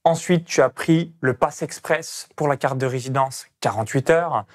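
A man from France with a Burgundy accent hosts a casual interview, speaking emphatically and using lots of fillers. His voice is medium-pitched and his speed normal.

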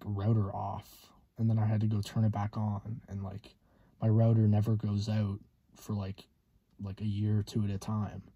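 A man in his twenties talking casually to camera in a hesitant, halting way, with a slightly husky voice, inside a car. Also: lowish voice, mellow, no echo. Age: 20s. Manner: hesitant, halting with long pauses. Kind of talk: casual vlog monologue.

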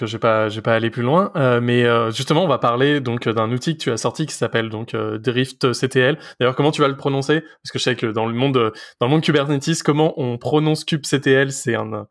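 A man hosting a casual technical podcast interview, halting and heavy on fillers as he asks his questions. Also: mid-range voice. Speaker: podcast host.

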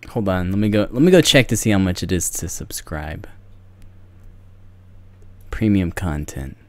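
A young man who livestreams video games chats casually with his viewers, rambling and poking fun at himself in a distracted way. His voice sits low and sounds animated at a moderate pace. He speaks into a boom-arm microphone while music plays in the background.

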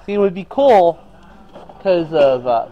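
A man's voice: fairly high pitch, animated, a little slow, dull audio. A man filming himself while shopping for a hat in a big western wear store, asking rambling, hesitant questions in casual chat. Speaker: vlogger shopping as customer. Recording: store music faintly behind.

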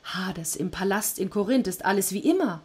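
A woman's voice: medium pitch, lively intonation, moderate pace, breathy edge. A woman voicing two ghostly male underworld messengers who report back eagerly, reading a Greek myth aloud.

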